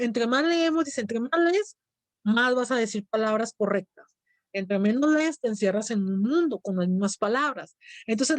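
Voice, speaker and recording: A woman's voice: a little high, dry recording. A woman teacher with a Mexican accent lecturing a class, explaining step by step and often checking in with her students. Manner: explanatory, asks students questions.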